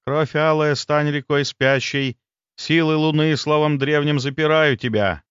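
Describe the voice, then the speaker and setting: A man voicing a ghostly female shaman spirit with a hushed, rustling voice in an audiobook. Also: a little high, steady tone, unhurried, clear, resonant tone, no echo, highs cut off, voice pushed up. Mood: incanting. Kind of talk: audiobook character voice.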